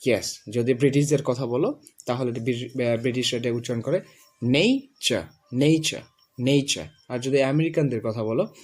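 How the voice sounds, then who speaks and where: Bengali-accented male tutor, patient classroom drills, repeats each word slowly. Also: medium pitch, fairly even intonation, darkish tone. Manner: drills words slowly, repeats them for a student. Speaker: English pronunciation teacher. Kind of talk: classroom lesson.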